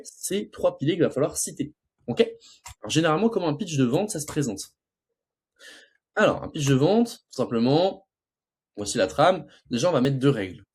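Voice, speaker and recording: A man's voice: medium pitch, darkish tone, slightly rough. A young man coaching sales closing in a casual talk, stuttering and restarting often, and acting out both sides of a sales call. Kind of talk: casual teaching monologue.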